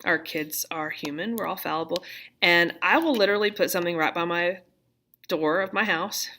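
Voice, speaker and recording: Woman teacher, low-pitched but bright and sharp, chatty and reassuring, talking to parents into a webcam in a classroom. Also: moderate pace, slight background noise. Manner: chatty and reassuring, laid-back. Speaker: middle school teacher. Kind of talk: casual talk to parents.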